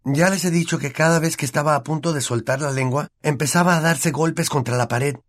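Man voicing a young boy wizard, raised high voice, eager, Latin American Spanish accent, audiobook. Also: a little fast, close to an everyday voice. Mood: earnest. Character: Harry, a brave boy wizard.

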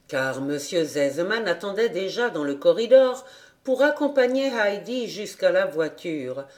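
A woman reading a children's novel aloud as a calm, even audiobook narration. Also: medium pitch. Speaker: volunteer audiobook reader.

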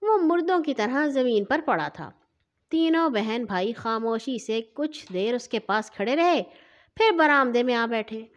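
A woman narrating a children's story in an expressive, sing-song manner. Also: a little high, dull audio.

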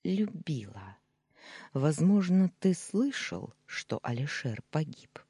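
Troubled young woman voiced by a narrator; husky, slow and quiet, dry close recording. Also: medium pitch, very animated, dry recording, pitched above the performer's own voice, heavily acted. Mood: sad. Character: troubled young woman, first-person heroine. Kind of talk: audiobook character reading.

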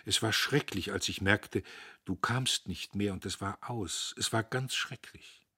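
A man reading aloud, voicing a young woman who is timid, devoted and soft-spoken. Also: fairly low pitch, unhurried, slightly rough, heavily acted. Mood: pleading.

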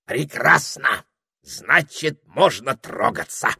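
A man's voice: mid-range voice, expressive, unhurried, pushed and bright, dry recording, studio quality, pitched above the performer's own voice. A man voicing a cheerful, teasing male parrot in a storybook reading. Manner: jaunty, teasing, soothing.

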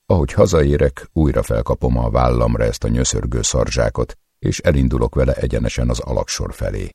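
Very deep, husky male audiobook narrator. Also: mellow, no room sound, studio quality. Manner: cold, measured, menacing. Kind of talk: first-person audiobook narration.

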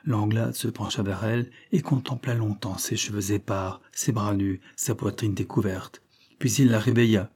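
Mellow husky male audiobook narrator. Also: on the low side, fairly even intonation, moderate pace. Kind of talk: audiobook reading of a classic novel.

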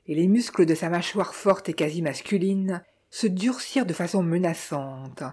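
A woman reading a novel aloud as narrator, in a measured, clear way. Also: fairly low pitch, warm tone. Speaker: audiobook narrator. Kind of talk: scripted narration.

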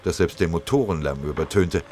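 A man's voice: deep voice, a little fast, a little mellow, slight background noise. A man reading a war story aloud in a dramatic, vivid storytelling manner. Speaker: narrator. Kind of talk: scripted audiobook narration.

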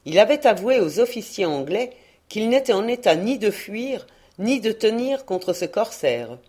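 A woman narrating a historical adventure novel in a measured, expressive reading voice. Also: mid-range voice, breathy edge. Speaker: audiobook reader. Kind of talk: scripted narration.

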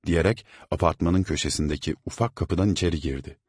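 Guy reading an audiobook, low husky voice, dry close sound. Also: dry recording. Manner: measured, steady reading. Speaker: audiobook narrator. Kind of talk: scripted narration.

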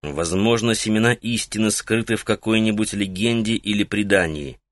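A man voicing a calm, curious male mage in a storybook reading, speaking quietly and in a measured way. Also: lowish voice, no echo, close to an everyday voice. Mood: thoughtful.

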